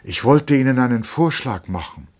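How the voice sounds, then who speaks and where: A man voicing a young, soft-hearted lieutenant who is drunk and pleading. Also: medium pitch, animated, normal speed, pitched above the performer's own voice, lightly acted. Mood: strained. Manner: pleading, emotional.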